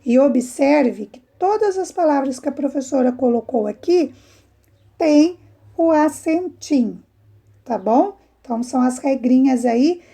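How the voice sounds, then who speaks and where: Slow, patient schoolteacher woman. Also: high-pitched, lively intonation, vocal fry, warm tone. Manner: patient, explaining slowly with rising prompts to children. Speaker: primary school teacher. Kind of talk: remote classroom lesson.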